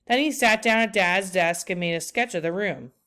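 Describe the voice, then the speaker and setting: This is a woman reading a children's book to listeners as a teacher might, pitched at a medium level, with expressive and unhurried storytelling.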